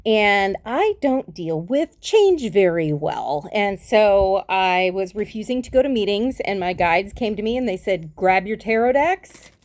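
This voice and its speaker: A woman's voice: mid-range voice, lively intonation, unhurried, hardly any pauses, a little mellow, no echo. A woman giving a tarot reading in a casual, chatty livestream, affectionate and rambling as she sets up, speaking into a phone. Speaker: tarot reader.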